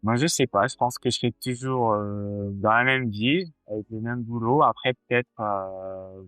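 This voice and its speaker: A man's voice: lowish voice, measured pace, a bit bright, smooth, no room sound, soft background music. A man in his forties, a cardiologist guest chatting casually in an interview, hesitant with many fillers and restarts.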